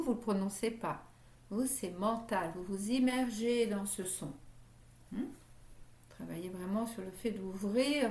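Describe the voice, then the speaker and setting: A woman leads a yoga meditation class at a slow, unhurried pace. Her voice sits at a middle pitch and carries gentle reassurance. The sound is roomy and echoey. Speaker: yoga teacher. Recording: echoey room.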